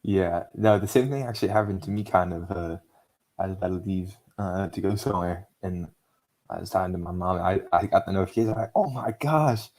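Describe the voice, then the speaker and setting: Deep-voiced man hosting a sports podcast. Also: fairly even intonation, fast talker, a little mellow. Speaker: podcast host. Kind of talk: casual sports podcast talk.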